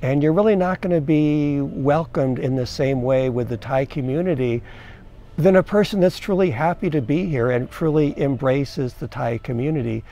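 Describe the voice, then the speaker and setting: A middle-aged American expat with a fairly high but dark-toned voice gives earnest, conversational advice to camera at normal speed. He talks casually to viewers and asks them questions.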